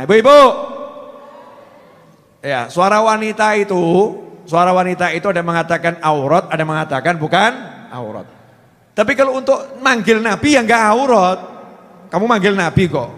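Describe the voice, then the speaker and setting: A man with a Javanese accent preaching a lively sermon, joking and teasing his audience. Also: high voice. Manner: jokey, teasing the audience, mixing in Javanese phrases. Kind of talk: lively sermon with sung salawat. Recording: long hall reverb, faint ambience.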